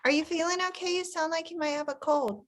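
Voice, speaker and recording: A woman's voice: very high voice, fast talker, a little hiss or hum. A woman hosting a casual group chat, encouraging and full of questions. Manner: encouraging, asks many questions.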